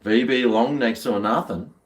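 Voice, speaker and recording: A man's voice: medium pitch, moderate pace. An Australian man chatting casually to viewers over a beer, rambling in a laid-back, slangy, working-bloke way. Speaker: livestream host. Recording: roomy echo, distant microphone.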